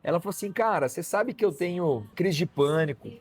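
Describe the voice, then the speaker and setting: A man's voice: sits high, animated, a little fast, husky. A man, a physician guest telling a personal story in conversation and acting out the dialogue. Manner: storytelling, acts out quoted dialogue, frequent "né?" tags.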